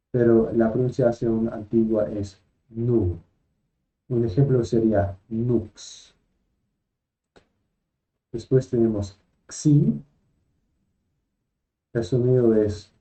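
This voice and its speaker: A man's voice: mid-range voice, mellow, dull audio. A man teaching a lesson, patiently naming each letter and repeating every example word. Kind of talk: slow lesson, spelling out letters and sounds.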